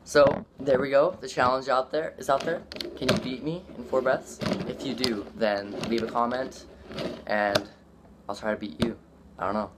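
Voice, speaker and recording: A man recording a casual vlog, out of breath and excited, with breathless exclamations between breath holds. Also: medium pitch, moderate pace. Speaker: video creator. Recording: loud clicking noise behind voice.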